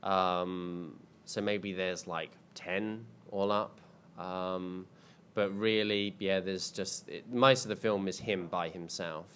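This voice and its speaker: His low voice is a bit bright and fairly even as this thirtysomething filmmaker speaks slowly but with few pauses, answering the audience in a casual panel Q&A at an indoor screening. The replies ramble with ums and restarts, and a little hiss or hum sits underneath.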